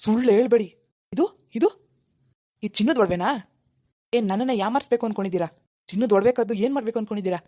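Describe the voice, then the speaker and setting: A woman voicing an angry village husband in a cartoon, accusing and threatening in a fast, dark voice. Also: fairly high pitch, natural voice. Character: furious village husband, middle-aged man. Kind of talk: cartoon voice acting.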